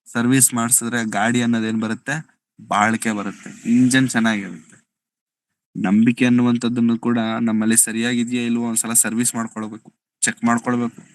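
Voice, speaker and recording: A man from Karnataka preaching a sermon, asking rhetorical questions and repeating phrases, with his pitch climbing when he presses a point. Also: flat delivery, a little fast, no echo. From Karnataka, India.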